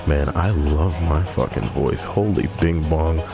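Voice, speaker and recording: This young man's voice is extremely low and creaky, and he speaks at a measured pace. Streaming a game, he reads viewer messages aloud and jokes with crude, profane banter in casual chat, with music in the background.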